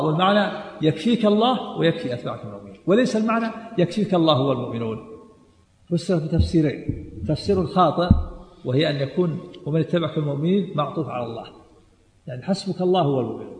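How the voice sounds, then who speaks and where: A fast-talking male religious teacher gives an emphatic lecture on a classical text, hammering each point home by repeating it. His voice sits a bit high for a man. It rings through a roomy hall with a long reverb tail. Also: darkish tone.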